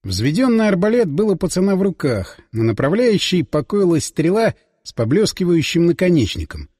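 A man reading first-person audiobook narration with lively storytelling delivery. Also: sits high, normal speed, breathy edge, no room sound, studio quality, big-room sound.

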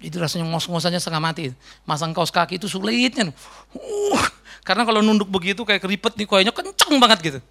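A middle-aged man preaching a sermon as a pastor, in a conversational, animated way. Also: sits high, fast, gravelly. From Indonesia. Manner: conversational, animated storytelling with mimicked voices.

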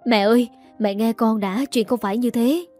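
A woman's voice: medium pitch, moderate pace, a little mellow, soft background music, lightly acted. A woman doing a bitter young daughter-in-law. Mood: pleading. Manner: pleading at first, later hissing with contempt.

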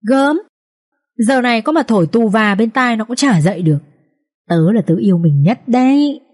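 A crafty, crude village thief husband barks orders and jokes coarsely, as a woman reader puts him on. The voice is mellow and warm underneath, with a brash, bossy edge. It comes from a storybook reading. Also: a little high, animated, moderate pace.

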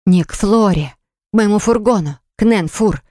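A woman's voice: lowish voice, a little fast, a little mellow, no echo, studio quality, close to an everyday voice. A woman voicing an indignant young woman baker who speaks in a shaky, upset voice.

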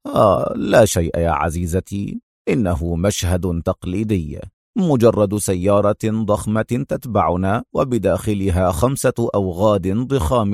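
A man voicing a calm, ironic male secret agent who speaks in a low, wryly teasing tone. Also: dry recording, studio quality.

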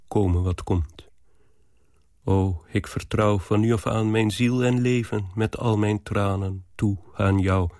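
A man reading aloud as a lovesick, anxious young woman, in a low, earnest, pleading tone. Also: darkish tone, no room sound, clean studio sound, natural voice.

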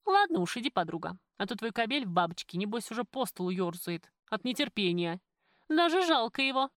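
A woman voicing a brash, teasing young waitress in an audiobook, loud and mocking. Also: a little high, big pitch swings, brisk, dry recording, studio quality.

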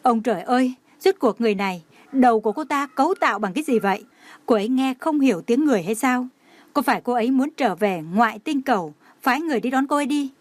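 A woman's voice: fairly high pitch, expressive, quick pace, no echo. Woman voicing an exasperated young male boss. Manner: exasperated, ranting. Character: flustered young male company president.

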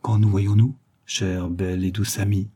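An amorous middle-aged detective, as a male reader puts him on, gallant and excitable, pouring out flowery compliments. The voice sits low, dark and a little husky. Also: normal speed. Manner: effusive, flowery courtship.

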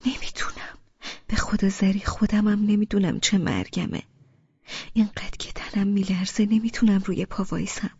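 A woman's voice: medium pitch, gravelly, a little mellow, breathy edge, no room sound, muffled recording, pitched above the performer's own voice. A woman voicing a shy, frightened young bride who speaks in a trembling, whispery voice. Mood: nervous.

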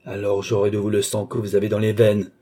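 A man's voice: lowish voice, completely flat delivery, fairly quick, mellow, lightly acted. A man voicing a hot-headed young nobleman who speaks in indignant, clipped bursts. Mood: furious.

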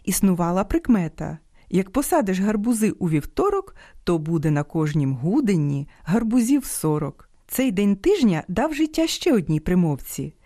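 A woman hosting an educational radio program, reading a script in a measured, precise way. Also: on the low side, big pitch swings, warm tone, no echo, clean studio sound. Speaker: radio host. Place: radio studio.

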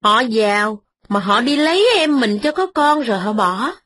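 Woman putting on a shrill furious peasant wife. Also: animated, moderate pace, a bit bright, no echo. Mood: bitter. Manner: indignant, scolding outbursts.

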